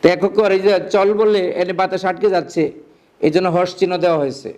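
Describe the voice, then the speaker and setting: A man's voice: sits high, quick pace, a little mellow. A male teacher giving a grammar lesson, breaking phrases into single words, repeating them and quizzing the listener.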